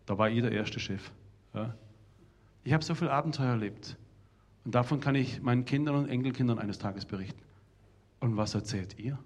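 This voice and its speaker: Husky man telling lively stories. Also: mid-range voice. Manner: animated, shouts out remembered dialogue. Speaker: speaker addressing an audience of young people and parents. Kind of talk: lively storytelling talk.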